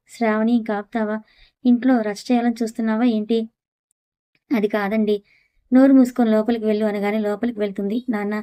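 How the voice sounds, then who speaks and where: Female narrator for an audio story, voicing every role herself in an even, level read. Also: mid-range voice, no room sound. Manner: reads dialogue and narration in one even voice.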